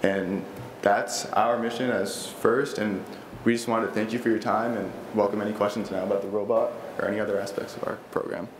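Fairly quick and fairly even in intonation, a teenage boy's rather low voice presents his robotics team to the school board. He stands at a lectern mic in a big school library meeting room that echoes with faint noise, sounding eager and earnest while frequently restarting and using fillers.

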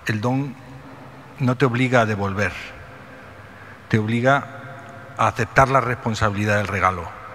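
A man's voice: fairly low pitch, normal speed, pauses often, a bit bright. A middle-aged man giving a reflective conference lecture at a podium microphone, asking rhetorical questions. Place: large ornate hall, indoors. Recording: long hall reverb, faint noise.

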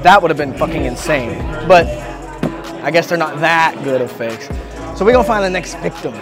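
A young man in his twenties hosts a prank vlog from an indoor sneaker convention hall, his voice a little high and expressive at a normal speed. He's laid-back and slangy, swearing plenty, picked up on a clip-on lapel mic over loud crowd noise and music.

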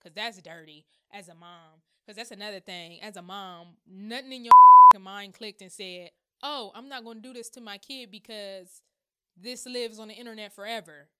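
A woman's voice: medium pitch, normal speed, noisy background. A woman hosting a casual gossip commentary vlog, blunt and exclamatory, talking straight to her viewers. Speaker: host of a gossip commentary channel.

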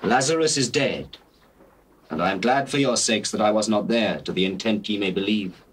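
An actor playing Jesus as a solemn, commanding teacher in dramatized scripture, with a measured British delivery and a husky voice. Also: male voice, lowish voice. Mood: solemn, assured. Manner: measured, declamatory. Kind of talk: dramatized scripture acting, theatrical.

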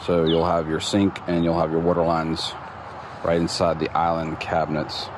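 Outdoors at a building site, a homeowner carries his phone camera while giving a relaxed, casual walkthrough of his home's plumbing. His voice sits low and moves at a moderate pace, plain-spoken and full of ums, with clear background noise in the recording.

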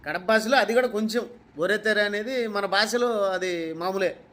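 A preacher from Kadapa speaks in a high voice with a Kadapa Telugu accent. He scolds a rival in a confrontational rebuttal, firing rhetorical questions and repeating his points. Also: normal speed, bright, forceful tone. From Kadapa, Andhra Pradesh.

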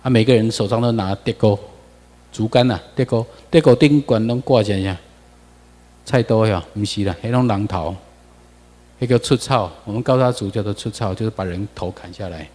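A man with a Taiwanese accent giving a lecture over slides, animated and full of rhetorical questions to the audience. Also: lowish voice, normal speed, long reverb tail.

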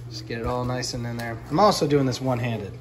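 A man's voice: medium pitch, fast, over music. A man in his forties chatting casually as he cooks fish in his home kitchen, filmed on a handheld phone. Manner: relaxed, chatty, talks while cooking. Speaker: fishing vlogger. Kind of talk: casual cooking narration. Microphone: handheld phone camera.

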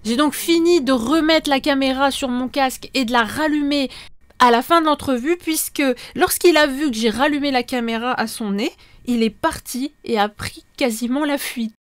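A woman's voice: high-pitched, normal speed, dry recording. A woman vlogger recounting her ride in a voice-over narration. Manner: clear, storytelling recap. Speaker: motorcycle vlogger.

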